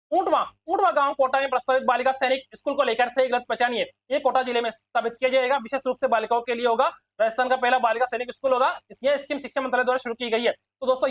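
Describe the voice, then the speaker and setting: A male teacher running a quick exam quiz lesson, repeating himself and constantly calling his listeners friends. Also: extremely high pitch, fairly bright tone, no echo. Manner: fast, repetitive, keeps addressing listeners as friends.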